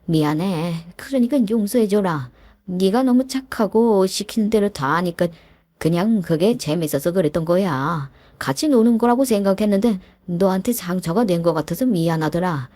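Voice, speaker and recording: A woman's voice: medium pitch, animated, normal speed, mellow, dry recording, lightly acted. A woman voicing a desperate, groveling middle-aged man who once bullied his classmate, pleading and whiny with many fillers. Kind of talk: story narration with acted dialogue.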